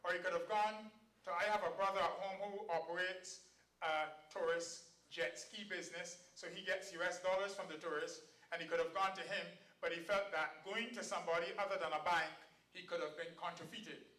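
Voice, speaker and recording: Caribbean preacher, high and bright, quizzes his flock; recorded far off in a roomy hall. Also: steady tone, brisk. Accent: Caribbean English. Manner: quizzes the audience with rhetorical questions, quotes scripture. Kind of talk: camp meeting sermon. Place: hall at a church camp. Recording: echoey room, voice far from the mic.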